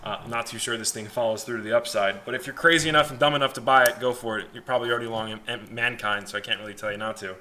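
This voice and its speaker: A young man who hosts a stock market analysis channel talks casually to his viewers, hedging his views as he goes. His medium-pitched voice is steady and sharp, racing along with hardly any pauses, and faint background noise sits under the recording.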